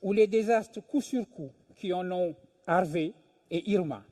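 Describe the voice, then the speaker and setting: An older man from Senegal, a philosophy professor, giving a measured, deliberate public talk with emphatic pauses. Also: high-pitched, warm tone. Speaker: invited speaker, philosophy professor. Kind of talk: lecture at a public event.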